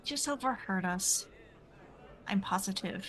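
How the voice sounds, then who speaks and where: A woman's voice: medium pitch, lively intonation, unhurried, fairly bright tone. A woman improvising in-character dialogue as a player in a tabletop role-playing game.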